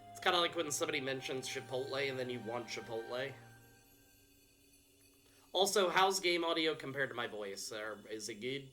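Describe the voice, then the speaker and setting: A man's voice: medium pitch, lively intonation, moderate pace, sharp tone, soft background music. A man casually chatting with his chat while streaming a game, joking and reading messages aloud. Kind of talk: casual live gameplay chat.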